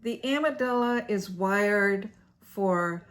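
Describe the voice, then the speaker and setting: A woman's voice: mid-range voice, slow pace. A woman hosting an educational series, narrating a scripted explainer in a playful, theatrical way and laughing at her own jokes.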